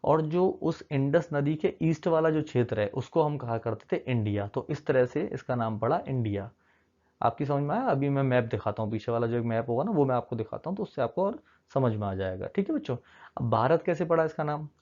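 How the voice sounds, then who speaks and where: A man's voice: medium pitch, expressive, brisk, a little mellow. A male teacher giving a recorded classroom lecture to children, walking through a map and often checking in with them, mixing English terms into his explanations. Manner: coaxing, keeps checking in with the children. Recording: dull lo-fi sound.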